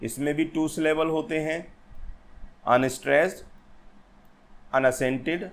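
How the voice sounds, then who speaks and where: A man teaching an exam-prep lesson, speaking slowly and repeating each point, reading English definitions aloud between explanations. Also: a little high. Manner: slow and repetitive, addresses viewers as friends, reads English definitions aloud. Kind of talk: exam-prep lecture on poetic meter.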